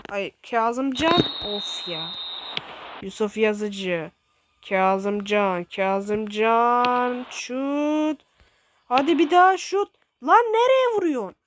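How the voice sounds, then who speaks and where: A woman giving excitable, swearing commentary while playing a football video game, shouting at her players. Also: fairly high pitch, drawn-out words. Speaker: gaming streamer. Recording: loud background noise with clicks.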